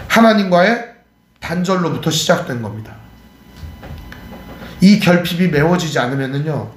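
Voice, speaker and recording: High, lively middle-aged male preacher. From Cheonan, Chungcheong, South Korea. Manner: emphatic preaching with rhetorical questions to the congregation. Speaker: pastor. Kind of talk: sermon. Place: church sanctuary. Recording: echoey church sanctuary.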